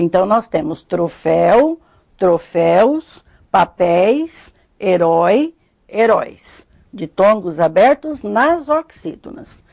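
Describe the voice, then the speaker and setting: A woman with a Brazilian Portuguese accent giving a recorded grammar lesson, methodically explaining rules and spelling out example words slowly. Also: a little high, gravelly, darkish tone, no room sound. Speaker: Portuguese teacher.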